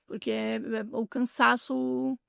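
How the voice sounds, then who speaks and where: A woman with a Brazilian Portuguese accent, speaking candidly as an interview guest, with halting restarts. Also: a little high, little pitch movement, vocal fry, a bit bright, clear, resonant tone, dry recording, studio quality. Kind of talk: casual interview chat.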